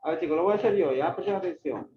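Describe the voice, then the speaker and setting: Speaking very fast at a medium pitch, this teacher drills a class on grammar, quizzing pupils by name with repeated questions and chiding them for not reviewing the book. The recording has room echo, a dull lo-fi quality, and heavy background noise.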